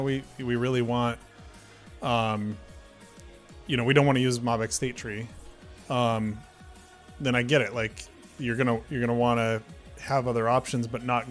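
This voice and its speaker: A man's voice: medium pitch, a bit bright. Man, stream host, casual chat, easygoing, filler-heavy, faint background music. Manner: easygoing, agreeable, lots of fillers. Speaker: livestream host.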